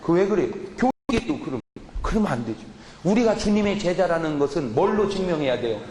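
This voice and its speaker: A man preaching to a congregation, his slightly raised voice ringing through a large, reverberant church hall. He fires questions at the listeners and answers them himself, breaking into loud mock scolding. Room noise hums under every word. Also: fairly high pitch, big pitch swings, a little fast. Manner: shouts and scolds in mock anger. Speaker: pastor. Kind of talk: sermon.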